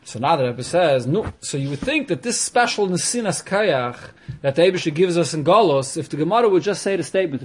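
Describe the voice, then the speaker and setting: A man explaining religious texts in an informal lesson, posing questions and answering them as he goes. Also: high voice. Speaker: teacher of a Talmud class.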